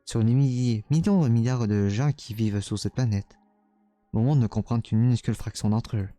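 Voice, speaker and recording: A man's voice: mid-range voice, warm tone, dry recording, faint music behind, lightly acted. A man voicing a cruel, taunting young female witch spirit while reading a game's dialogue aloud. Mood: scornful. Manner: mocking, teasing, slow and menacing.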